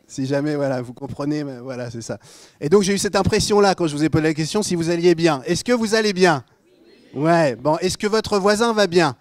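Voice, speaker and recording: A middle-aged man from Normandy, France, with a northern French accent, speaks as a guest pastor to a congregation, informal, jokey and conversational, addressing listeners directly. His fairly high voice is animated and a little fast, with no room sound.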